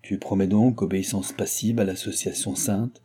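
A man voicing the stern male president of a secret society in an audiobook, with a husky, commanding, solemn manner. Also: on the low side, steady tone, normal speed, dark tone. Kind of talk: audiobook reading.

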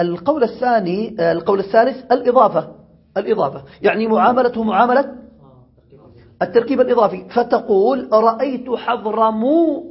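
A grammar teacher from Yemen with a high, very husky voice, pausing to ask if the class follows. The recording is dull and lo-fi. He repeats each example before moving on. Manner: asks checking questions, repeats examples.

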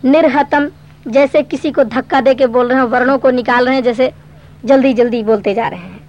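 A woman teaching a Sanskrit grammar lesson, explaining patiently step by step and reciting verse slowly. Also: sits high, a little mellow, slight background noise. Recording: dull lo-fi recording.

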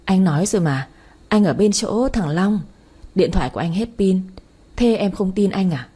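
A woman voicing a smooth-talking, lazy young husband who flatters his wife, speaking in a coaxing way. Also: medium pitch, normal speed. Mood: wheedling. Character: middle-aged man, smooth-talking lazy son-in-law.

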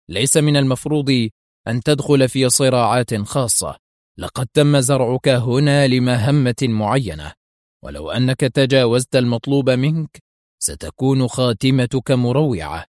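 A man voicing a menacing elderly male spymaster who shouts threats through clenched teeth. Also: mid-range voice, expressive, normal speed, no echo, studio quality, close to an everyday voice. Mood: stern.

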